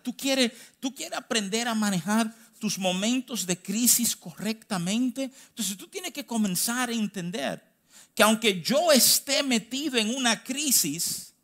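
High-voiced Dominican preacher, emphatic. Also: male voice, fairly bright tone. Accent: Dominican Spanish. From Dominican Republic. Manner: emphatic, swinging between slow stressed phrases and quick asides. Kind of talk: sermon.

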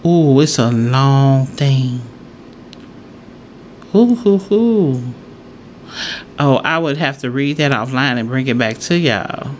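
A woman's voice: extremely low pitch, a little slow, few pauses. A woman chatting casually to followers as a host, thinking aloud and repeating her points for emphasis. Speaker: solo host. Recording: clear background noise, room ambience.

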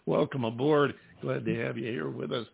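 An older man hosts a casual interview in a gravelly, husky voice with an easygoing, joking manner. His voice comes through a thin, phone-like line at a middle pitch. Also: moderate pace. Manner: easygoing, jokey banter. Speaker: show host.

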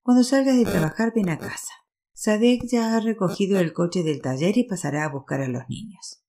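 A woman's voice: mid-range voice, normal speed, mellow, natural voice. A woman reading a novel aloud, voicing an insistent, bossy sister who turns firm and soothing by turns. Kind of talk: audiobook reading.

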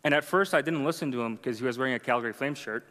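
A young man whose first language is Arabic shares his conversion testimony with an audience, speaking at a racing pace in a medium-pitched voice. The room leaves a long reverb tail and there's background noise. His telling of this personal faith story is conversational and self-deprecating, sprinkled with frequent "right?" asides.

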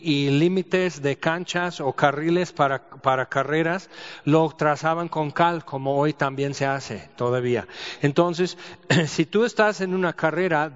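A man preaching a sermon, telling stories and asking rhetorical questions. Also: fairly high pitch. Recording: dull audio with long hall reverb.

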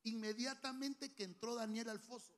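A man preaching a sermon, emphatic and humorous, with sudden shouts, into a handheld microphone. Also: very high-pitched, steady tone, moderate pace. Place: church.

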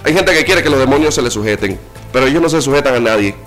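A man's voice: mid-range voice, animated, fast, a bit bright, faint music behind. A male pastor preaching a sermon, emphatic and rising in exclamations, with playful asides.

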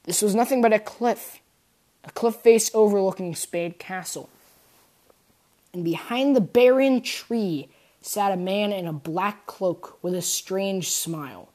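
A woman's voice: medium pitch, unhurried. Woman reading a fan story aloud. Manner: expressive storytelling, voicing characters. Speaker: narrator.

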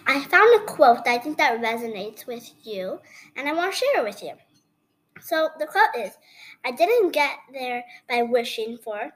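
High-voiced woman podcast host. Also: fairly bright tone, low-quality recording. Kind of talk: interview.

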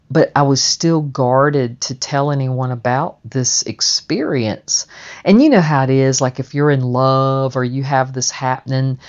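A woman telling a personal story in a chatty, rambling way, full of fillers and restarts. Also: rumbling low. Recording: dull, muffled audio.

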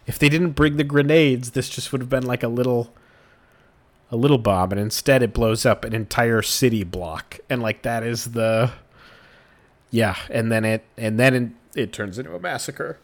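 A man's voice: medium pitch, moderate pace. A man co-hosting a casual chat, reacting expressively with groans and sighs as he talks through a TV episode. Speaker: podcast co-host.

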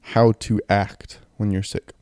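A young man with a phlegmy, sick throat rambles in a low-key way as he hosts a casual solo podcast into a close handheld mic. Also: level tone, takes it slowly, a little mellow, dry recording. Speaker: podcast host. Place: in bed, indoors. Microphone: handheld mic and audio recorder, close.

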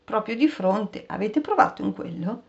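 A man's voice: sits high, expressive, normal speed, vocal fry. Blunt local guy giving directions, read by a woman, kinda dull sound. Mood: matter-of-fact. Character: helpful local man, blunt and amused.

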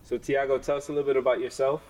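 A man's voice: medium pitch, level tone, rapid-fire, a little mellow, rough recording. A man, chatting casually as an interview host. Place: large car warehouse.

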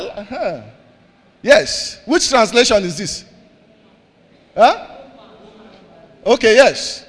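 A man with a high voice delivers a sermon in a church hall, with long reverb trailing each phrase. He calls out questions for the congregation to finish and repeats his key lines, swinging from loud proclamations to quiet asides. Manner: call-and-response preaching, repeats lines, swings between loud and soft. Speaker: pastor.

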